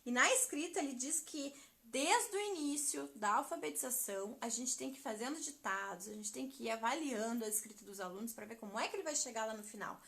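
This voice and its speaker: Thirties woman, animated teacher-trainer on a live stream; high, bright voice. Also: fairly quick, gravelly. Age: 30s. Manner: chatty, animated, addresses viewers as "gente". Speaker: literacy teacher educator.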